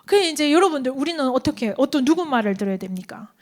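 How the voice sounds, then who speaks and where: High-voiced woman preaching to teens. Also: quick pace. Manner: animated storytelling, acts out quoted voices, asks the listeners questions. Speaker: youth group preacher. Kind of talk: sermon to teens.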